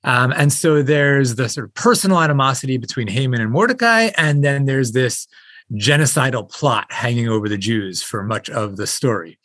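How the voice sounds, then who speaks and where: A man with a medium-pitched voice talks as an academic guest. He explains things conversationally, and the sound is dry with very little room in it. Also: animated, normal speed, fairly bright tone, no echo. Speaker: guest professor. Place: library, late at night.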